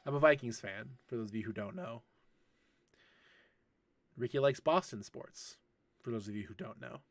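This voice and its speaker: A man's voice: medium pitch, moderate pace, no room sound, soft background music. A man in his late thirties hosting a casual livestream Q&A for an esports league, chatty and laughing often while answering chat. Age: 30s.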